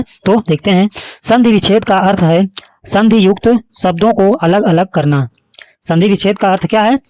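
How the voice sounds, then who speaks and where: A man's voice: high-pitched, a little mellow. A man teaching Hindi grammar, explaining with examples and often asking the class whether they understood. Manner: asks students questions and repeats answers. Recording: dry, dull lo-fi sound.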